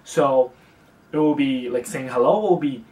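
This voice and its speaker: In a casual, chatty beginner lesson, a young man from China, a young adult with a medium-pitched voice, uses fillers and carefully repeats example words at a slow pace. The sound is roomy, with the mic placed at a distance.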